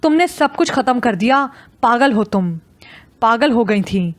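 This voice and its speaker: A woman's voice: a little high, expressive, no room sound, natural voice. A woman doing a scolding middle-aged mother. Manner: scolding, reproachful.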